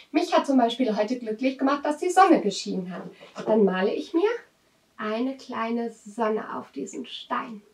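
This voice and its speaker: A woman hosting a children's show, gently and encouragingly explaining crafts and rituals directly to children. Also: fairly high pitch, gravelly. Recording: roomy, distant microphone.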